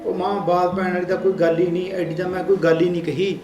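A man's voice: sits high, little pitch movement, quick pace, music in the background. A young man with a Punjabi accent acting a farmer son in a village drama, scolding and complaining.

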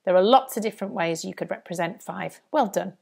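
A woman's voice: medium pitch, brisk, creaky, a little mellow. A woman presenting a scripted lesson for young children as a primary teacher, in a singsong manner. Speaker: primary school maths teacher.

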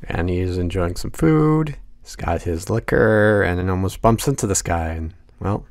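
A man's voice: sits low, animated, unhurried, vocal fry, darkish tone, dry recording, studio quality. A man narrating a casual film commentary, amused and chuckling as he talks. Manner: amused, chuckles through lines. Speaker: video essay host.

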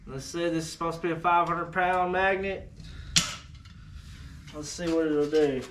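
Unhurried and fairly even in intonation, a man with a fairly high voice rambles through a casual unboxing-and-testing vlog, with lots of fillers. He films in his workshop by a truck, against a noisy background.

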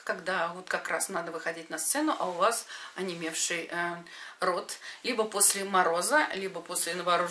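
A middle-aged woman teaching exercises to camera, giving short step-by-step instructions with pauses between them. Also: mid-range voice, sharp tone. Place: indoors, in front of a padded wall.

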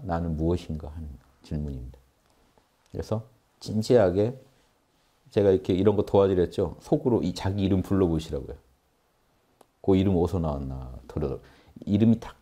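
A man delivers a spiritual talk on meditation, earnest and explanatory, speaking straight to his listeners. His voice sits low and sounds dark and mellow rather than bright. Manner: earnest, explanatory, addresses audience directly. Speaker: meditation teacher. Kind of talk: spiritual lecture.

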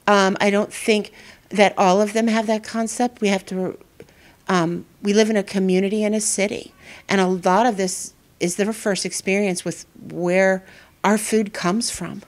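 A woman's voice: medium pitch, steady tone, unhurried. A middle-aged woman, a school principal, answering interview questions with many fillers and restarts. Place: indoor school hallway.

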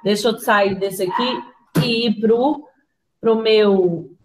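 A woman with a mid-range voice and a Brazilian Portuguese accent speaks slowly while teaching young children in an online class, with noise in the background. As a patient primary school teacher, she splits words into syllables and asks the class questions. Her voice comes through a video call from a computer.

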